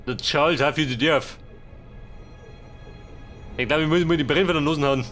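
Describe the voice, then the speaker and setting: Guy doing a casual let's play, bit high voice, jokey, faint game music behind. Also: normal speed, fairly bright tone. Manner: colloquial, flippant joking. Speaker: gaming let's player.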